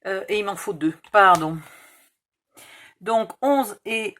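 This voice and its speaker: A woman's voice: medium pitch, lively intonation, takes it slowly, fairly bright tone. A woman with a slight Provençal accent, hosting a casual crafting tutorial, thinking aloud over measurements and correcting herself. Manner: muttering measurements, self-correcting.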